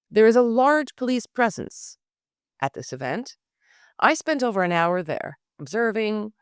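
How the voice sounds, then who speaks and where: A woman hosting a podcast, telling the story in measured, pointed scripted narration. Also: mid-range voice, no room sound, clean studio sound. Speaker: podcast host.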